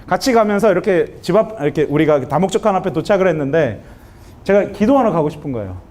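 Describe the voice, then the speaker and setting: High-voiced, animated male preacher. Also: fast talker. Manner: animated storytelling, asks the audience questions. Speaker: pastor. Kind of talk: sermon. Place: university chapel.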